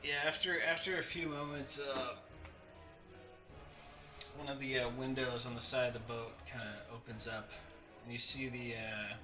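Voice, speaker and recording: A man narrating a tabletop game as game master, talking haltingly with many restarts. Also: medium pitch, fairly even intonation. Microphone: home mic that keeps breaking up. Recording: mic cutting in and out, faint music.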